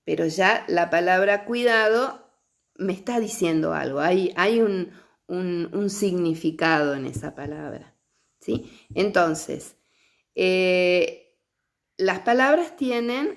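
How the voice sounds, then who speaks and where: Woman, teacher, gravelly voice, patient lecture. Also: on the low side, animated, slow pace. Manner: patient, checks in with listeners often. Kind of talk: lecture on early literacy.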